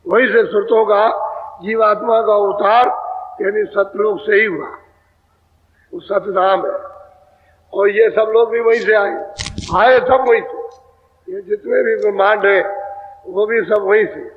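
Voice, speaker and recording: Slow high-voiced man preaching in an echoey hall. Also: steady tone. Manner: slow, repetitive expository preaching, prompting chanters. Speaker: spiritual teacher giving satsang. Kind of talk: devotional sermon explaining verses. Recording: echoey hall over a tinny lo-fi line.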